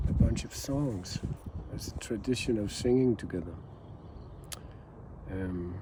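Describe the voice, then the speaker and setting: A man from Denmark, a jazz musician, speaking softly and haltingly as an interview guest at a house. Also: fairly low pitch, noisy background. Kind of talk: relaxed interview talk.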